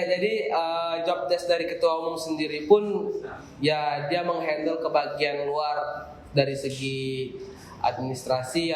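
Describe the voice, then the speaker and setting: A man's voice: on the high side, a little hiss or hum. A young man, a student association chair, explaining his group at length in a casual podcast chat, with frequent fillers. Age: young adult. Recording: roomy room with faint ambience.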